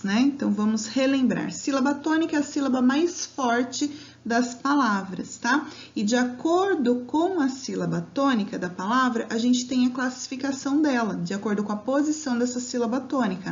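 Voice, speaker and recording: A woman's voice: high-pitched, lively intonation. A woman teacher giving a grammar lesson to children, drawing out words syllable by syllable and checking in with "né?" and "tá?". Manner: patient, drawn-out syllables with frequent "né?" and "tá?". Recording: dull lo-fi home recording.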